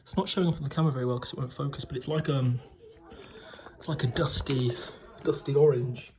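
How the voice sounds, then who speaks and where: A man's voice: medium pitch, steady tone, quick pace, a little mellow, a little hiss or hum. A man, chatting casually into a handheld phone, rambling and restarting his sentences. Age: 20s. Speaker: vlogger. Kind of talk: casual vlog. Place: house and garden at his grandparents'.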